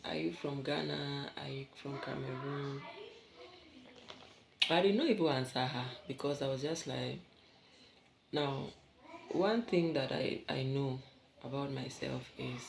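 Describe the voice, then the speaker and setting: A Kenyan woman vlogs from her bedroom at home in a bass, gravelly voice, speaking unhurriedly. Her casual chat rambles, with asides to her viewers. The room is echoey, with a faint hum in the background.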